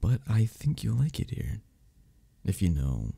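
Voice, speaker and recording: In an ASMR romance roleplay, a man plays a flirty, friendly cuddle club member showing a newcomer around, speaking in a one-sided conversation. His breathy, gravelly voice sits fairly low, swoops wildly in pitch, and moves at a measured pace, mellow and exaggerated. He teases and reassures with chuckles between phrases, in a gentle, inviting mood.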